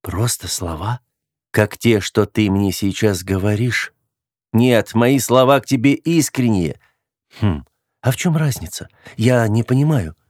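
Brief: sharp-tongued young woman, hurt and scornful, low and dry, read by a male narrator. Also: expressive, a little slow, no room sound. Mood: mocking. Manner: cutting, scornful.

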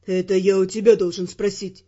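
A woman's voice: medium pitch, little pitch movement, a little fast, mellow, dull audio, voice pushed down, close to an everyday voice. A woman voicing a stern senior male spy who scolds harshly, in an audiobook reading. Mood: stern, angry.

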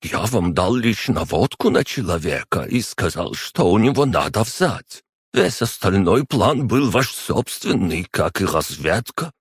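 A haughty old alchemist who heads his guild speaks down to a younger man with cold scorn, as a male reader puts him on. The voice sits higher than the reader's own and is pushed louder, with a husky grain. It is a dry, close recording of a storybook reading. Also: big pitch swings, a little slow, no room sound, exaggerated voice. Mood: stern, scornful. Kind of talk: audiobook character voice.

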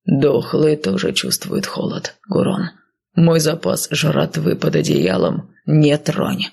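A woman's voice: low-pitched, slow pace, gravelly, slightly rough, voice pushed down, heavily acted. Woman doing a cold, lazy undead northern man. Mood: gruff. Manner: flat, emotionless, grumbling. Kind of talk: audiobook character voice.

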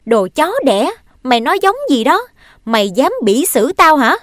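A woman voicing a shrill, furious stepmother. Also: big pitch swings, moderate pace, no room sound, clean studio sound. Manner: scolding, shrill and loud. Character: sharp-tongued young stepmother, quick to anger.

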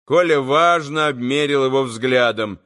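A man reading a classic novel aloud as an audiobook narrator, in a measured way. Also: mid-range voice, a bit bright. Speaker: audiobook reader.

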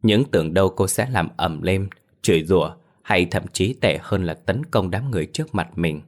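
A man narrating a ghost story in a steady, measured scripted telling. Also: low-pitched.

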